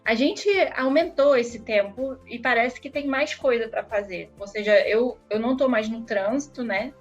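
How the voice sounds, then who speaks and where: Brazilian woman podcast co-host, slightly higher voice, reflective and chatty, muffled lo-fi sound. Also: moderate pace, faint music behind. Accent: Brazilian Portuguese. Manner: reflective, thinks aloud with fillers and tag questions. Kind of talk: casual chat. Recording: dull lo-fi recording.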